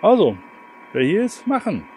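A travel vlogger in his fifties chats casually to a camera held at arm's length, tossing off short, jokey, colloquial remarks outdoors in gardens and town streets. His voice sits high with wildly swooping pitch, a darkish tone and normal speed. The audio is poor, with outdoor ambient noise.

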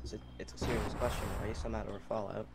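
Quick-talking guy in game chat, needling and taunting, noisy background. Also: lowish voice, flat delivery, gravelly. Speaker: game player.

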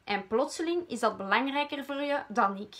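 A woman's voice: mid-range voice, a little slow, close to an everyday voice. A Flemish woman voicing a touchy, easily offended female friend of a witch in a read-aloud storybook. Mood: hurt.

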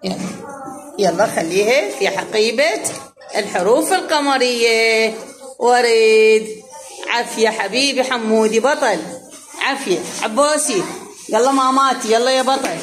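A primary school teacher with an Iraqi Arabic accent coaxes young children through a lesson, affectionately calling her pupils dear. Her voice is fairly high, animated and fairly bright, at normal speed. The room echoes, with background noise and soft music playing.

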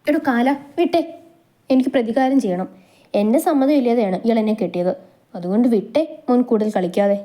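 A woman voicing a shy, affectionate young wife in a storybook reading, raising her voice brighter and higher for her. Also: fairly quick, lightly acted. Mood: mock stern.

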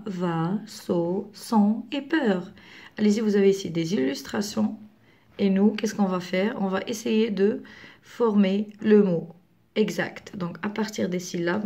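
A woman with a Moroccan accent teaching a French lesson to children online, switching to Moroccan Arabic to explain and slowly repeating words for learners. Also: mid-range voice, gravelly, dark tone.

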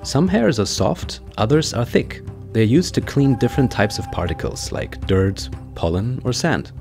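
A man narrating a scripted nature documentary in a measured, explanatory way. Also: medium pitch, lively intonation, gravelly, darkish tone, faint music behind.

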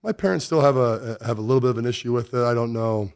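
A business owner in his forties with an American accent talks bluntly and emphatically as a guest in a conversational podcast interview. His mid-range voice is quick, smooth, and darkish, captured by a close studio mic on a boom arm in an indoor podcast studio.

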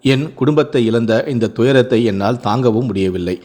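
A man narrating a sad first-person story in a measured, somber reading voice with slow pauses. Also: medium pitch, dark tone.

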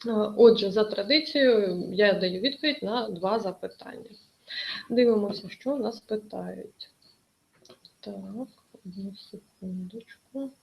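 A woman's voice: medium pitch, measured pace, gravelly, a little mellow, rough recording. A woman teaching an online exam-prep lesson, explaining carefully with many hesitations.

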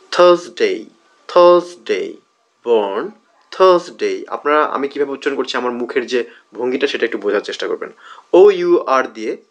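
Patient Bengali-speaking male pronunciation teacher. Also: mid-range voice. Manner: patient, repeats model words slowly with many fillers. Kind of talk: screen-recorded lesson.

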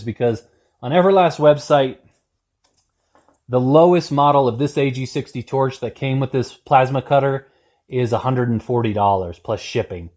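A man in his thirties hosts a welding video, giving a casual how-to repair demonstration in an indoor workshop with a corrugated metal wall. He's plain-spoken and self-deprecating, with a medium-pitched, darkish voice, and the recording sounds muffled.

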